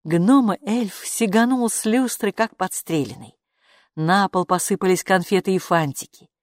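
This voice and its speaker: A woman narrating a children's story audiobook in an expressive storytelling manner. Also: mid-range voice, a little slow, no room sound, clean studio sound.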